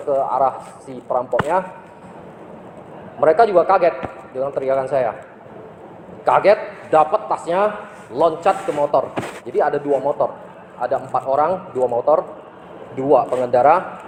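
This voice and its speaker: A man's voice: on the high side, slight background noise. A man, a martial arts instructor, telling a personal story to camera in a casual, emphatic way, often tossing in rhetorical questions. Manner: animated, emphatic storyteller with rhetorical tags and chuckles. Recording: echoey room with long reverb, faint ambience.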